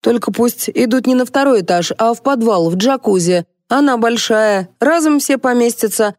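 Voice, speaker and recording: A woman voicing a bossy, outspoken female housekeeper who talks bluntly, jumping high in pitch. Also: lively intonation, moderate pace, a little mellow, dry recording, studio quality, close to an everyday voice. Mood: brash. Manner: blunt, brash, shrill high outbursts.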